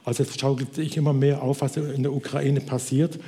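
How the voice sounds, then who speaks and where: Man preacher, earnest sermon, mellow dark tone, long hall echo. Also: medium pitch, flat delivery. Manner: earnest, exhorting, slows for emphasis. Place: church hall.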